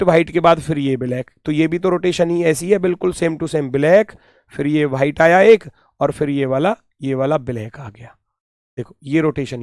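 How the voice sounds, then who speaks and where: Higher-voiced teasing male exam tutor. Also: no room sound, clean studio sound. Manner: teasing, scolding students playfully; repeats key words while pointing at a diagram. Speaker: exam coaching teacher. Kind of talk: online exam-prep lesson.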